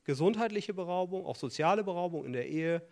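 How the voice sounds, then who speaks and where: A middle-aged man delivers a sermon in a fairly high voice. He is earnest and insistent, breaking off for joking asides and restarting his sentences. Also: lively intonation, quick pace, a little mellow. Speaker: preacher. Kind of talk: sermon on tithing and offerings.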